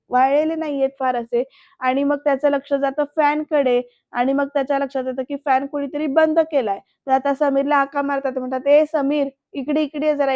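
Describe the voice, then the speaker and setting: High-voiced woman chatting through an episode recap. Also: no room sound. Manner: chatty, keeps addressing viewers directly. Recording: dull, lo-fi, dry sound.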